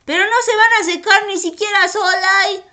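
Cartoon kid role: very high, bright, squeaky boy, played by a woman, hyper and easily distracted. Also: steady tone, moderate pace. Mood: excited. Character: excitable boy character playing with toy footballers. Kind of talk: children's educational cartoon acting.

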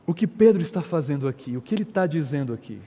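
A man preaching a sermon as a pastor, telling stories in a lively, conversational way. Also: on the high side, quick pace, breathy edge, in a large hall. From Brazil. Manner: animated, conversational preaching with storytelling.

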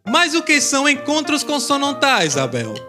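A man's voice: very high-pitched, huge pitch swings, normal speed, music in the background, exaggerated voice. A man voicing a cheerful, helpful young schoolboy in a children's educational audio drama. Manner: cheerful, helpful, explains patiently.

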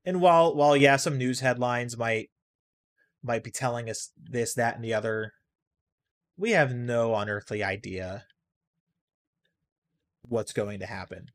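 A man's voice: mid-range voice, unhurried, long pauses. Rambling man hosting a casual podcast. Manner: rambling, offhand, swears now and then; reacts aloud to a video game while talking. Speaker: podcast host. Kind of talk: casual solo podcast chat.

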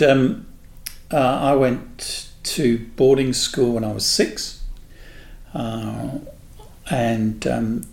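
Gravelly older man reminiscing. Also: mid-range voice, a little mellow. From England. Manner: unhurried, anecdotal storyteller. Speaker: interview guest. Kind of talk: reminiscing in a casual interview. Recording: echoey room with faint noise.

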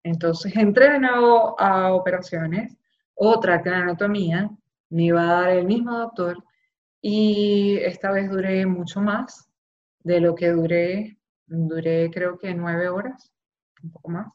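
A woman's voice: fairly low pitch, a little slow. Candid Maracaibo woman telling her story. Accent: Maracaibo Venezuelan Spanish. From Zulia, Venezuela. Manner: candid and expressive, acting out quoted voices. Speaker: interviewee, journalist. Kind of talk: personal testimony in a conversational interview. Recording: slightly dull lo-fi sound.

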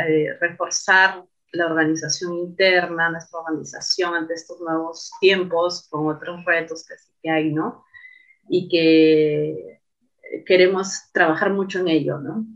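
On a casual radio show, a woman who works as a cultural manager reflects aloud as the interview guest, leaning on fillers and tag questions. Her voice sits on the low side with a slightly bright quality, heard through dull, lo-fi radio sound.

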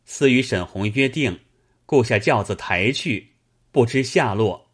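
A man's voice: medium pitch, expressive, a little slow, slightly rough. A man voicing a talkative male servant who speaks in a chatty, placating way. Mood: explaining.

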